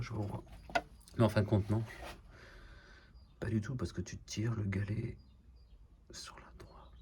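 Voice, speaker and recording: Low-voiced joking French mechanic vlogger. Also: male voice, a little mellow. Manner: joking, swears a lot, talks nonstop. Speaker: DIY car repair vlogger. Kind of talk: casual chatty self-filmed video. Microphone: phone camera.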